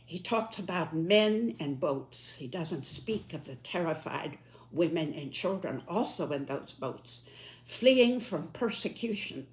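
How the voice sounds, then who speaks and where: Very old woman speaking slowly and solemnly. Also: low-pitched. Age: 90s. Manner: solemn, deliberate, emphatic phrasing. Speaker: elderly commentator reflecting on history and politics. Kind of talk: reflective spoken commentary to listeners.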